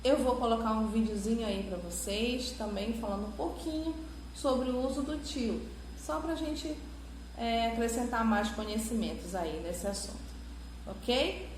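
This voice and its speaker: Brazilian woman teacher, slightly high voice, gentle, boomy echoey room. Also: a little slow. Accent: Brazilian Portuguese. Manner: gentle, reassuring, frequent "ok?" checks. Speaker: primary school teacher. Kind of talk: online class instructions to children. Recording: very echoey room, faint noise.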